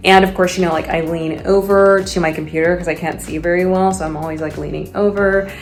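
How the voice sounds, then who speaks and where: A woman's voice: lowish voice, steady tone, a little fast, faint music behind. A woman vlogging to a handheld phone camera in a casual, chatty way, laughing often and acting out what people said to her.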